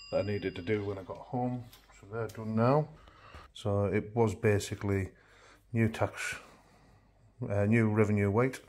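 A middle-aged male van life vlogger walks through a casual how-to in his home kitchen, chatty and matter-of-fact. His slightly low voice is a little mellow and slightly rough, throaty because of a chest infection.

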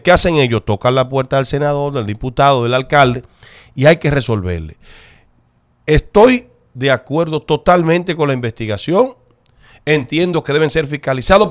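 A Dominican man with a slightly higher voice speaks as a talk-show co-host. He argues his opinions emphatically and repeats key phrases for stress.

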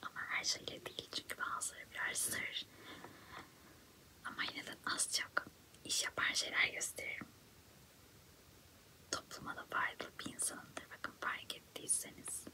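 A young woman in a whispered role-play, quiet as if at night, playing a self-absorbed, annoying, overconfident girl who admires herself and complains theatrically. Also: lightly acted. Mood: exasperated. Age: young adult. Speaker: ASMR creator. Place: small indoor room.

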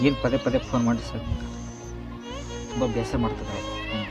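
A man's voice: medium pitch, steady tone, moderate pace, natural voice. A man playing an irritated young man who mutters about a girl's repeated calls. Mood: annoyed. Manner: annoyed, muttering. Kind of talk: amateur short film acting. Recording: dull lo-fi, loud music behind.

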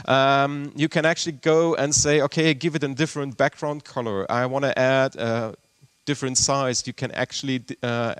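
A man's voice: medium pitch, smooth, dry recording. A man from Germany in his thirties, giving a conference tech talk in a lecture room, loose and chatty with many fillers and restarts, often quizzing the audience. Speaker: conference speaker, web developer.

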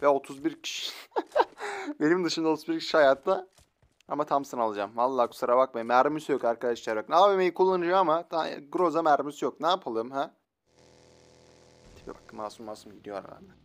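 A man's voice: fairly high pitch, big pitch swings, a little fast. A young man giving playful, slangy commentary while playing a shooter game, teasing his opponents. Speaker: gaming YouTuber.

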